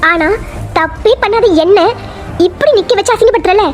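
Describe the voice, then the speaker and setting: A woman's voice: very high voice, normal speed, faint music behind. A woman voicing a wronged young college woman, emotional and defiant, in a cartoon. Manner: pleading then defiant, emotional.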